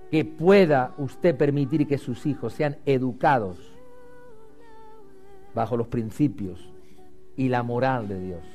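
A man preaching a sermon as pastor, swinging loud and rising to low and quiet.

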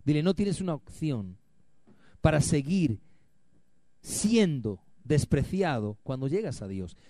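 A male pastor preaching a sermon to his church, firing rhetorical questions at the congregation and swinging from loud, emphatic lines to quiet ones. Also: fairly high pitch, very animated, slow pace, no room sound.

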